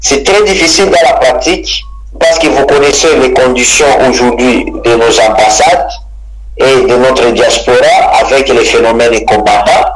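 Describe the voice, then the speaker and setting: An electoral reform expert from DR Congo, speaking with a Congolese French accent, argues his views insistently as an interview guest, repeating phrases for emphasis. His medium-pitched voice moves at a moderate pace on a rough recording.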